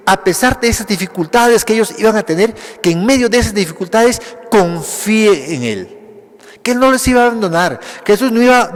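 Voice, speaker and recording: A man, a Capuchin priest, preaching a Sunday homily, asking rhetorical questions and answering them himself in short phrases. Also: sits high. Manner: speaks in short phrases with pauses. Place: church. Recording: long church reverb.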